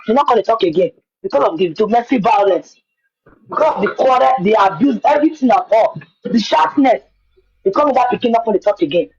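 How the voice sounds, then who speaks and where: Husky Nigerian woman speaking Pidgin, dull audio. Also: a little high, expressive, brisk, a little mellow. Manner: repeats words for emphasis. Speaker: guest telling her own story. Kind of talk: personal account in conversation.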